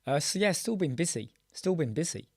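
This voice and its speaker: A croaky, hoarse British man from the United Kingdom hosts a live chat show, clearing his throat as he talks in a fairly high, very animated voice at a brisk pace. The dry, studio-quality recording comes from a small dark room lined with soundproof panels. His casual live stream is chatty: he greets viewers by name, trails off and restarts.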